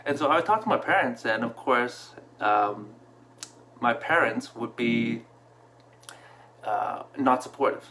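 A man in his thirties who grew up in Canada, telling a personal story to camera from a small room at home, relaxed and reflective, with many fillers. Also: medium pitch, unhurried, long pauses, slight background noise. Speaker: vlogger. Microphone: camera in front at desk distance.

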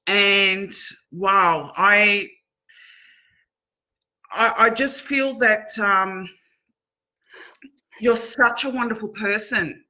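Slow, bright-voiced woman reading cards. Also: mid-range voice. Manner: hesitant, effusive, many ums. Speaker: psychic card reader. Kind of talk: casual spiritual reading.

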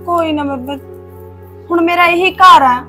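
An actress playing a young married daughter-in-law who quietly complains about her husband yet stays loyal to her home. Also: extremely high pitch, a little slow, soft background music, exaggerated voice. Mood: subdued. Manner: subdued, complaining softly. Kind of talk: village family drama acting.

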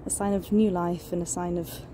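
Holding her phone at arm's length, a thirty-something nature vlogger chats eagerly on a walk through woods and beach, full of fillers. Her voice is on the low side, fairly flat in pitch and moderately paced. Distant planes, outdoor ambience and noise mark the phone recording.

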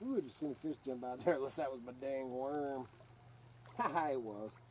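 A man's voice: mid-range voice, moderate pace, darkish tone, a little hiss or hum. A young man from Idaho hosting a casual fishing vlog by a lake, laid-back, laughing and swearing as he talks. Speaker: channel host. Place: outdoors by a lake and in a truck.

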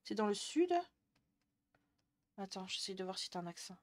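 With a mid-range, animated voice at normal speed, this young Twitch streamer from Jura, France, keeps things casual on her live stream. She answers messages from viewers and often breaks into laughter.

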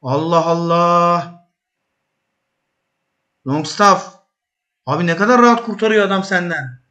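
A man playing a football management game, talking to his players as their coach, calming and scolding them and shouting when an attack builds. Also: a little slow. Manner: bursts into high shouts at attacks. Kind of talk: live commentary while gaming.

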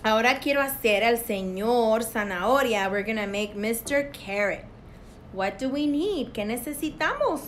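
A woman giving a bilingual speech lesson to a small child, talking in slow, exaggerated, sing-song teacher talk with a dry throat. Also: a little high, slight background noise. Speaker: speech therapist.

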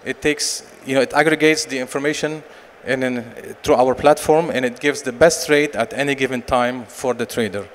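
A man in his forties, a company director, giving a conference sales pitch and answering questions with many fillers and restarts into a handheld mic. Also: steady tone, normal speed, few pauses. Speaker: company managing director presenting. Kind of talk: conference presentation and Q&A. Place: large expo stage hall. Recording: long hall reverb, faint noise.

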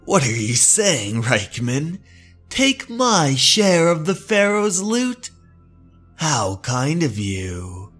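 A man's voice: a little high, big pitch swings, very slow, fairly bright tone, breathy edge, soft background music, voice pushed up, heavily acted. Man playing a gloating, swooping comic-book villain. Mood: sly, menacing. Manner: theatrical, gloating. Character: gloating greedy male villain, scheming and murderous.

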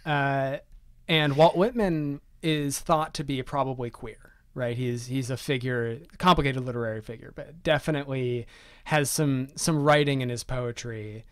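A young man from Maryland chats as a podcast guest, leaning on "like" fillers and wry self-deprecating jokes. His voice is mid-pitched and recorded close and dry, with no room sound around it. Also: fairly even intonation, moderate pace, clear, resonant tone, no echo. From Maryland, USA. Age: 20s. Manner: chatty, many "like" fillers, self-deprecating humor. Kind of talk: casual conversational storytelling.

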